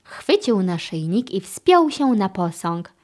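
A woman narrating a children's audiobook with expressive storytelling. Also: mid-range voice, slow.

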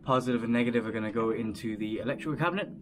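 Speaking very fast in a mid-range voice over a noisy background, a man walks viewers through his hands-on work in a small boat cabin. His vlog is casual and explanatory, with hesitant, thinking-aloud remarks.

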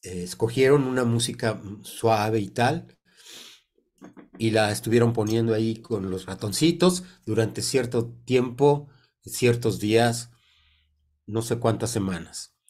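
Congested from a cold, a man in his sixties who teaches sound therapy talks through ideas on a video call, pausing often and choosing his words slowly, in a Mexican Spanish accent. He's indoors on a computer microphone, and his voice is lowish with a darkish tone.

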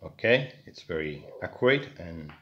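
A deep-voiced man with big pitch swings talks at normal speed through a hands-on electronics repair at his indoor workbench. He hesitates, using many fillers and restarts. The audio has its highs cut off and a noisy background.

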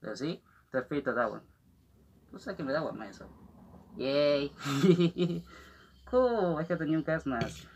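A man speaking through a gas mask, excitably unboxing and commenting in casual. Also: on the high side, slow, pauses often. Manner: excitable, swears and exclaims often. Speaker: unboxing vlogger. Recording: noisy home recording.

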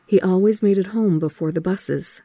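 A woman's voice: on the low side, moderate pace, dark tone, no echo. A woman voicing a laid-back, teasing teenage boy in a horror story reading, in a casual, offhand way. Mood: easygoing. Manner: casual, offhand, says "man".

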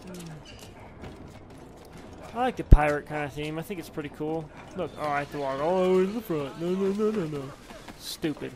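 A man's voice: a little high, normal speed, pauses often, background noise. Muttering man commenting on gameplay. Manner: rambling, muttering, mildly cursing. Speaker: gaming commentator. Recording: loud game music behind.

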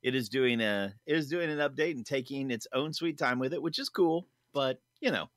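A man's voice: medium pitch, moderate pace, a bit bright, dry recording, clean studio sound. A man co-hosting a casual podcast chat, upbeat and rambling with lots of fillers. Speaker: podcast co-host.

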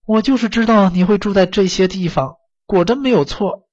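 A man's voice: sits high, normal speed, a little mellow, slightly rough, dull audio, pitched above the performer's own voice. A man doing a tearful peasant mother. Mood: tender. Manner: tearful and pleading. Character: grieving loving middle-aged peasant mother.

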